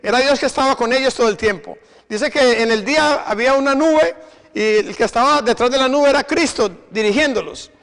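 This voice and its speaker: A man's voice: very high voice, brisk, a bit bright. A male preacher giving a sermon, exhorting his congregation and firing rhetorical questions at them. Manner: exhorting, repeats "imagine". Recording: long reverb of a hall.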